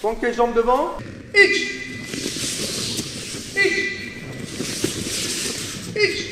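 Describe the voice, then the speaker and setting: A man teaching an aikido class in a gymnasium, calling out drill commands, often shouting. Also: very high voice, animated, drawn-out words. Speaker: aikido instructor. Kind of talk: teaching a group class on the mat. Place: large gymnasium. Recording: echoey gym from far off, with noise.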